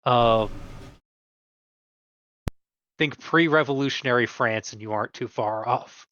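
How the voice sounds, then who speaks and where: A man's voice: mid-range voice, a little slow, fairly bright tone, dry recording. Man game-mastering, dry lo-fi mic. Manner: casual, hesitant, with profane asides. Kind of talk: explaining a homebrew tabletop setting.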